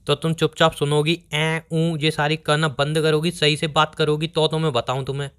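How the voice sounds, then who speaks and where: A young man with a slightly raised pitch, talking around in circles to explain himself. He keeps begging to be heard out, defensive and flustered, in a staged comic phone argument. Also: little pitch movement, moderate pace, a bit bright, clear, resonant tone. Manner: defensive, rambling, pleading to be heard. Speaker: boyfriend on a call.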